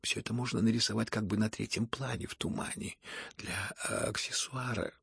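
A man reading a hushed, musing young prince. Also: on the low side, steady tone, dry recording, studio quality, heavily acted. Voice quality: husky, gravelly. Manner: musing, slows down and drops to a whisper. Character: young male prince, earnest, gentle, thoughtful storyteller.

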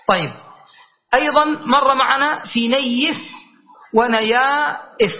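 High-voiced man teaching grammar. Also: muffled recording. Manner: quizzing students, reciting verses slowly. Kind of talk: grammar lesson to a class. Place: classroom with a board.

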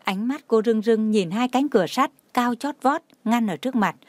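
A woman's voice: on the high side, moderate pace, a little mellow, no room sound. Woman narrating a story, dry close voice.

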